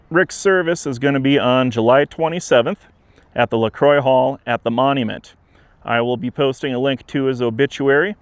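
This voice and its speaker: A man with a smooth, resonant voice at an average pitch gives an informal update to camera. He is plain-spoken and measured. The sound is dry and open, recorded outdoors with some traffic. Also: no echo. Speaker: interim museum director. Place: outdoors beside a trail, with traffic and wind. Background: traffic and wind.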